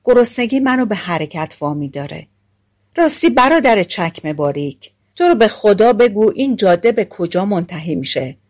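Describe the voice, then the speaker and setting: A woman's voice: mid-range voice, sing-song, darkish tone. A woman voicing a bold, hungry young male ex-soldier in a storybook, speaking bluntly and with some liveliness.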